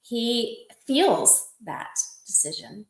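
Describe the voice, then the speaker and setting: A woman's voice: on the high side, very animated, extremely slow. A woman hosting a support livestream, talking casually and affectionately, telling personal stories and encouraging her viewers. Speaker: host of a lupus support livestream. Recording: roomy echoey room.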